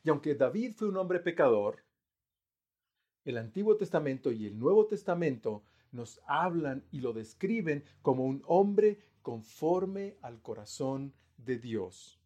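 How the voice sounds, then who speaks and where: An earnest male pastor delivering a sermon in a somewhat high voice. He swells to emphatic peaks and then sinks to near-murmured endings, now and then stopping to restart a phrase. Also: expressive, measured pace, warm tone, lo-fi sound.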